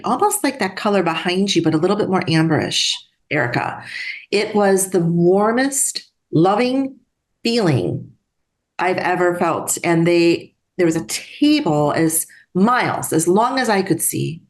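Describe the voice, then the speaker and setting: Earnest middle-aged woman, lowish voice. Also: a little mellow. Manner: earnest, halting, with restarts. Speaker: guest. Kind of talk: personal storytelling.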